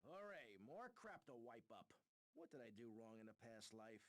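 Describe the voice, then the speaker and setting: A man's voice: medium pitch, sing-song, moderate pace, a bit bright, slight background noise. A man playing a cool, weary criminal enforcer in a video game, speaking curtly and with sardonic bite. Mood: weary grumbling. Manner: curt, sardonic. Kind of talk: video game cutscene acting.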